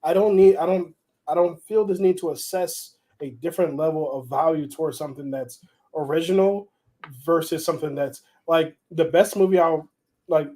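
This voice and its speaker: Male co-host, warm mellow tone, fairly high voice, easygoing and rambling. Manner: relaxed, rambling, restarts sentences. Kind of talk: casual live-stream chat.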